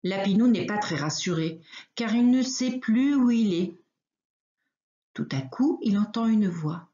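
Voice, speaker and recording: A woman reading a children's story aloud, expressive and unhurried. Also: medium pitch. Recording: roomy, slightly dull recording.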